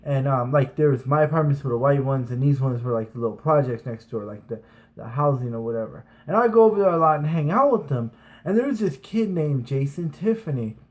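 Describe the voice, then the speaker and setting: A man in his thirties tells school-day stories on his vlog in a casual, rambling way, full of fillers and restarts. His voice sits at a medium pitch and moves briskly with animated energy.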